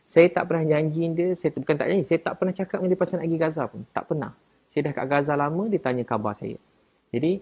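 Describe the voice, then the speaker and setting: There's a breathy edge to this man's voice as he chats casually on a live stream in a Malaysian Malay accent. He answers viewers and defends himself, sometimes rising in volume and pitch.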